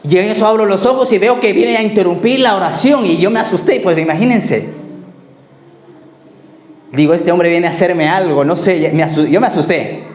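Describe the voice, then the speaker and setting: Pastor preaching in an echoey church. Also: male voice, high voice, normal speed. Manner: storytelling, acts out dialogue, trails off quietly. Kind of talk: sermon with personal testimony.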